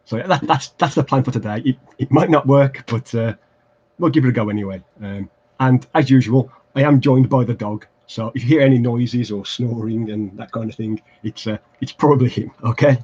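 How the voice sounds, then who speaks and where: A man with an English Midlands accent hosts a casual craft livestream from his home desk, building tabletop terrain while rambling self-deprecatingly with lots of fillers and restarts. His medium-pitched voice is a little mellow and husky, fairly quick, and the recording is muffled.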